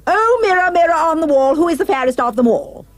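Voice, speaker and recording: A woman voicing a vicious, hot-tempered fairy-tale queen with an imperious, shrill manner for a puppet show. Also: expressive, a little fast, no room sound. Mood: vain, demanding.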